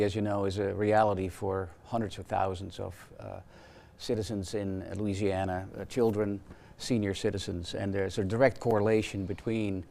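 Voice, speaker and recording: A man answering formally as an executive guest in an interview, measured and halting in delivery. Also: lowish voice, vocal fry, mellow, slight background noise. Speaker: health system president, interview guest.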